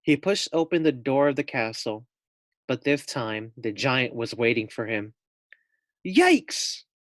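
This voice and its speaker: A man with a mid-range voice reads a children's storybook aloud expressively, like a teacher, stopping to ask the young listeners questions. There's no echo on the recording.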